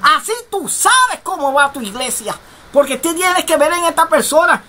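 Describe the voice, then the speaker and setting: High bright-voiced woman preaching a sermon. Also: expressive, normal speed, a little hiss or hum. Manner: emphatic, repetitive, bursts of shouting. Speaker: radio preacher.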